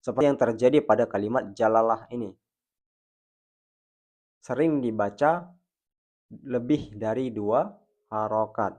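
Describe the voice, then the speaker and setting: A man teaching Quran pronunciation, explaining each sound slowly and demonstrating it by drawing it out. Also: lowish voice, a little mellow. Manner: slow, deliberate explaining with drawn-out demonstration sounds. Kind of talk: tajwid pronunciation lesson.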